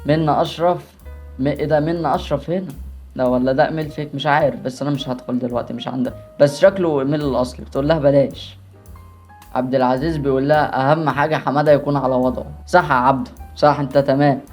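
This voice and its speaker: Rapid-fire Egyptian man reacting to clips. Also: a little high, fairly even intonation, darkish tone, faint music behind. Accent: Egyptian Arabic. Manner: joking, teasing asides. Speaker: reaction video host. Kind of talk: casual reaction commentary.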